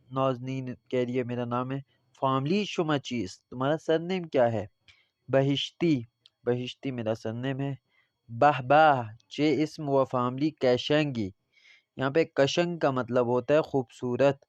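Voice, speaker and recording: Man teaching Persian in Urdu, smooth voice. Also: medium pitch, no echo. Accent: Pakistani Urdu. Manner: reads Persian phrases slowly then explains them. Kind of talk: recorded language lesson. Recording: slightly dull lo-fi audio.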